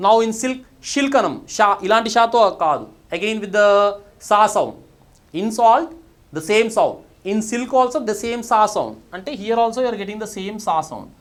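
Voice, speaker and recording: A man with a Telugu accent gives a recorded pronunciation lesson, switching between Telugu and English. His voice sits high and he talks at a slow, deliberate pace, posing questions and then answering them himself. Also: big pitch swings. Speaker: English teacher.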